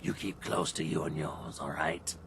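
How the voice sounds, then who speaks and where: A very deep, gravelly guardsman talks in weary, colloquial bursts. He sounds gruff and bitter, a game character with noisy ambience around him. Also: expressive, normal speed, exaggerated voice. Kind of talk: video game character acting. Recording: clear background noise, game ambience.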